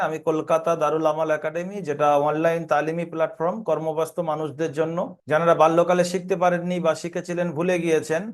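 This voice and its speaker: Patient male Quran reading teacher. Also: on the high side. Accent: Kolkata Bengali. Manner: patient, slow when drilling letter sounds. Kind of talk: online lesson, spelling out letters.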